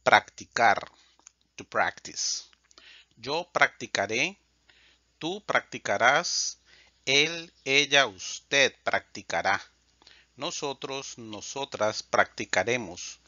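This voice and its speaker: A man teaching Spanish, reading verb conjugations aloud in a measured, drilled way. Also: mid-range voice, lively intonation, pushed and bright, no room sound. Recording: dull lo-fi dry sound.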